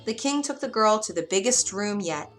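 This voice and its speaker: A children's storyteller narrates a scripted bedtime fairy tale, adding dramatic emphasis. Her mid-range voice is expressive at a normal speed, with music in the background.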